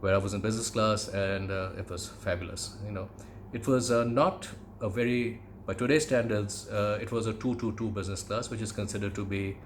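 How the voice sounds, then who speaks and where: A middle-aged man from India with an educated Indian English accent, reminiscing in a conversational monologue with measured, hesitant phrasing. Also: on the low side, steady tone, a little hiss or hum. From Calcutta, India. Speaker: podcast host, aviation commentator.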